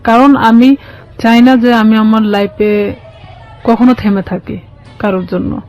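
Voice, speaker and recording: Unhurried and a little mellow, a woman with a Bangladeshi accent and a slightly high voice speaks with fairly even intonation, sharing her own story as an interview guest. She talks colloquially, quoting dialogue as she goes, over soft background music on dull audio.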